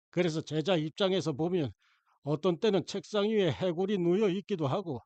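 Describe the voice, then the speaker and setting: A man narrating a short story for an audiobook in a calm, measured storytelling manner into a close mic. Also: high-pitched, no echo.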